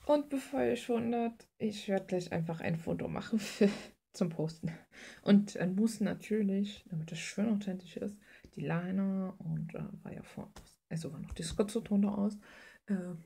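At a drawing desk indoors, a woman hosting a drawing video rambles casually as she sketches, using slang and thinking out loud. Her medium-pitched voice moves at a moderate pace and sounds creaky and mellow, with a breathy edge.

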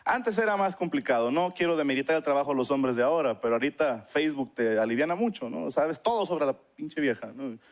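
A man's voice: fairly high pitch, animated, quick pace, hardly any pauses. A man with a Mexican accent doing a stand-up comedy monologue, telling crude slangy stories and acting out the voices in them. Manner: crude slangy storytelling, acts out quoted voices. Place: comedy stage before an audience. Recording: live stage mic with loud crowd laughter. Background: audience laughter.

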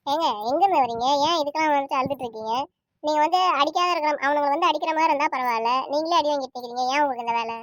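Woman doing a high, fierce scolding girl. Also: very fast, no room sound, clean studio sound, natural voice. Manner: sharp scolding, threatening. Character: tall, tough young woman, fierce and scolding. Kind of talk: cartoon voice acting.

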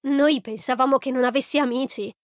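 A woman's voice: high voice, steady tone, a little fast, dry recording, studio quality, natural voice. A woman voicing a teenage boy who teases in a mocking tone. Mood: teasing.

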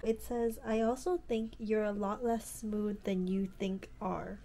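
In a mellow, mid-range voice with fairly even intonation and no hurry, a late-teen vlogger talks casually about her current book from her bedroom. Allergies have left her nose stuffy, and her easygoing chatter is full of "like" and "um," picked up by a camera close by.

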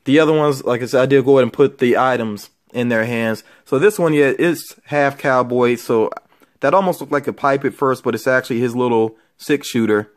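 A man's voice: medium pitch, a little fast. A man who vlogs about collectibles, talking casually as he shows things to viewers. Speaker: toy collecting vlogger. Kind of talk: casual show-and-tell chat. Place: indoor room with shelves of figures.

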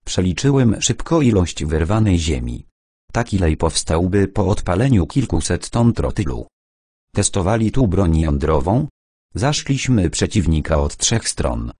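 A man narrating an adventure audiobook in the first person, calm and measured. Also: deep voice, dry recording, clean studio sound.

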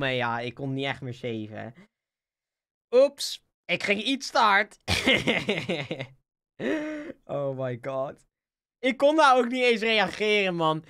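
An excitable streamer, giving live gameplay commentary, laughing often and dropping English slang. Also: mid-range voice, dry recording, clean studio sound.

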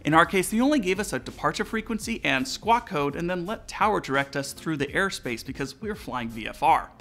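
Over background music, a fortysomething American man hosting an aviation channel walks viewers through a scripted explanation from a studio room with aviation decor. He sounds fairly high-pitched, expressive, fairly quick, and a bit bright.

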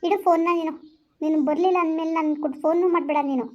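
A woman's voice: extremely high pitch, steady tone, very fast, highs cut off. A woman playing a hurt, sulking young girlfriend. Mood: reproachful. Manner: reproachful, repeats herself. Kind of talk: village skit phone-call acting.

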